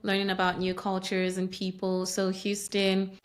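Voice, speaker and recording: A woman's voice: mid-range voice, completely flat delivery, normal speed. A woman from Nigeria, a podcast guest chatting and telling her story with frequent ums and restarts. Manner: thoughtful, with many ums and restarts. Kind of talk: casual interview chat.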